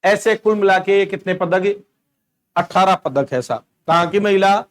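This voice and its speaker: High-voiced Hindi teacher quizzing a class. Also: male voice. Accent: Rajasthani Hindi. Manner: quizzes the class with questions and answers them himself; repeats words slowly for dictation. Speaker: coaching teacher. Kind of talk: classroom lecture for exam prep.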